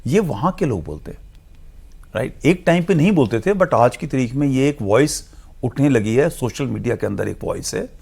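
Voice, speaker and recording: A man's voice: mid-range voice, animated, moderate pace, vocal fry, darkish tone, husky. A man speaking as a studio guest analyst in a discussion, explaining earnestly and emphatically, mixing English phrases into his talk.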